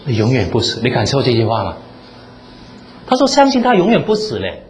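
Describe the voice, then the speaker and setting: A man preaching a sermon, animated, asking the room rhetorical questions and quoting scripture in dramatic voices. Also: medium pitch, brisk, slight background noise. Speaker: pastor.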